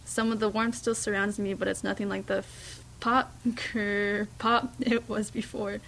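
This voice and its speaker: A woman reading a first-person story aloud, in a hushed, reflective way with small slips and restarts. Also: mid-range voice, level tone, a little slow, vocal fry, slight background noise, poor audio. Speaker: reader.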